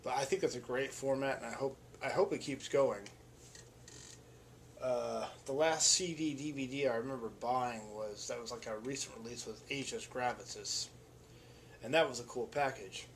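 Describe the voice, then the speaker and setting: A man's voice: medium pitch, moderate pace, a little hiss or hum. A man in a mid-range voice tells a casual story with rambling enthusiasm and frequent restarts. He sounds like a vlogger talking straight to the camera. A faint wash of ambience sits behind him. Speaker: vlogger and musician.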